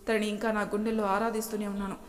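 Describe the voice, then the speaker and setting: A woman's voice: mid-range voice, level tone, rapid-fire, lightly acted. A woman voicing Arjun, a troubled young man. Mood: torn. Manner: emotional, pleading and remorseful. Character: young man, troubled and torn by his past. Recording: long hall reverb.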